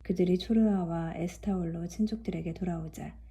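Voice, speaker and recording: A woman reading scripture aloud in a calm, even way. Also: on the low side, brisk. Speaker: scripture reader.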